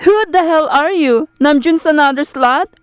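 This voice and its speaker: A woman's voice: high voice, moderate pace, dry recording, voice pushed down, lightly acted. A woman voicing a snobbish, rude rich young woman who talks down to others. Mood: sneering. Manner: haughty, sneering, drawn out.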